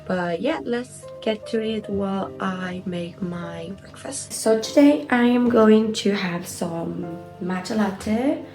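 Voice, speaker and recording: A woman's voice: medium pitch, slow, hardly any pauses, music in the background. A woman in her twenties from Argentina, a native Spanish speaker with an Argentine accent, chatting casually in a personal vlog. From Buenos Aires, Argentina. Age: 20s. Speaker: vlogger.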